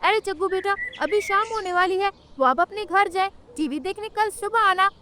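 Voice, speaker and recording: A woman's voice: very high-pitched, moderate pace, bright, forceful tone. Brief: woman playing a polite mother sparrow, soothing cartoon voice. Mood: gentle.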